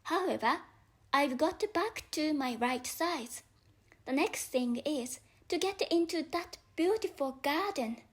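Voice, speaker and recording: An earnest little storybook girl, voiced by a woman, speaks high and unhurriedly. She is polite and truthful, puzzled and a touch hesitant. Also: animated, slow pace. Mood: musing, puzzled. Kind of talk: storybook character voice.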